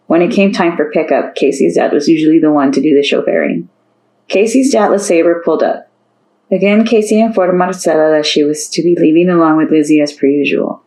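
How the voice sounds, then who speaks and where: A woman's voice: sits low, a little mellow, low-quality recording. A woman narrating a story aloud, reading steadily and lifting her voice for the characters' lines.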